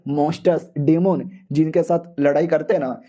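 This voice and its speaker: High-voiced slangy young man recapping a comic. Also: steady tone, moderate pace, mellow. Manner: slangy, joking, profane. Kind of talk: casual comic story recap.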